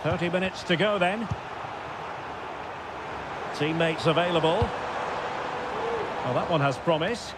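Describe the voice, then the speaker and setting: Casting: male actor for excitable football game commentator, high voice that lifts into goal shouts, very noisy backdrop. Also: a little slow, pauses often, close to an everyday voice. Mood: measured, attentive. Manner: excited raised shouts on goals. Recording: loud noise behind the voice.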